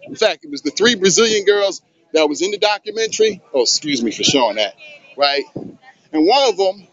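A middle-aged man hosting a casual handheld vlog outdoors on a sunny beach, talking in a loose, hyped, streetwise way. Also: sits high. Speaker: vlog host. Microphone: handheld phone camera. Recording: dull lo-fi phone audio.

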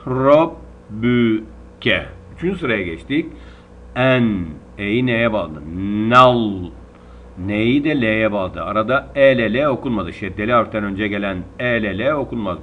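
In a slow spelling-out lesson, a man with a Turkish accent teaches Quran reading, patiently stretching syllables and drilling them over and over. His voice is lowish with lively intonation at a normal speed. The lo-fi recording sounds dull, with faint hiss.

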